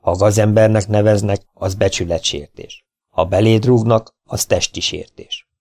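A man reading the lines of a calm, unshakable lawman in an audiobook, firm and deliberate. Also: fairly low pitch, natural voice. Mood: stern.

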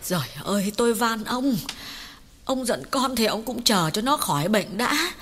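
A woman's voice: sits high, moderate pace, fairly bright tone, long reverb tail. An actress voicing an anxious older mother who urgently pleads with her husband for their son. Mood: pleading.

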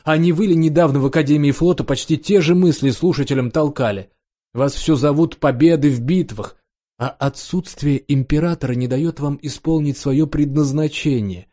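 A man's voice: a little high, normal speed, warm tone, natural voice. A male narrator voicing a defiant young duke in an audiobook, speaking with accusing indignation. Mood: heated.

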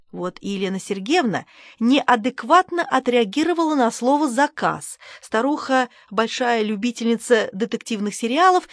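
Female audiobook narrator, wry and level, high voice, dry close recording. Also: no echo. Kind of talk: scripted audiobook narration of a detective novel.

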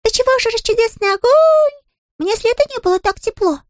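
A tiny male brownie, squeaky and eager, as a woman puts him on for a storybook. His voice sits very high and swoops about lively. The dry, close sound puts him right at the ear. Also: a little fast, no room sound. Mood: overjoyed. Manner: squeaky, excited exclamations. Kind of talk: storybook character voice.

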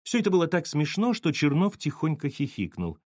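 A man narrating an audiobook in an expressive, animated manner. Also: a little high, fairly quick, no echo, studio quality.

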